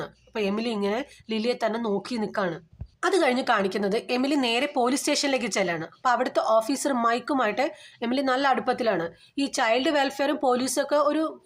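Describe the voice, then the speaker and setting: A woman with a somewhat high voice recaps a film in casual storytelling. Her delivery is chatty and flowing, chaining scene after scene. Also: fairly quick. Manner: chatty retelling, strings events with "then"; grows loud and urgent at tense scenes. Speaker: movie recap narrator.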